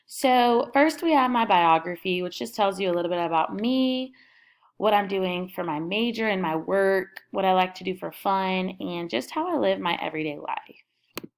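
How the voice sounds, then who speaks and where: Young woman narrating a screen recording, gravelly fry. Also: medium pitch, expressive, moderate pace. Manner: casual, upbeat listing of items. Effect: screen recording voice-over. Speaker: student presenting her class website.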